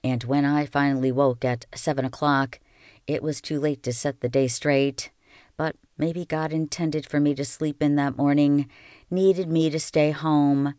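Smooth clear voice reading a book aloud, calm and even, dry close sound. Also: medium pitch, no room sound. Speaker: audiobook reader.

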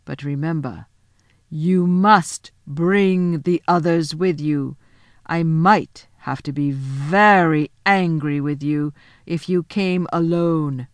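A woman voicing a cold, scheming queen who speaks slowly and coaxingly. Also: deep voice, dry recording. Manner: slow, coaxing and commanding.

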